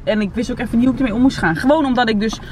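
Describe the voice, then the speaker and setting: A woman's voice: fairly high pitch, very fast, a little mellow. A young woman, a reality TV contestant, chatting candidly and bluntly as a guest. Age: young adult. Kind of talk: casual chat. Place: inside a parked car. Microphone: camera on the dashboard. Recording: distant mic in car, faint hum.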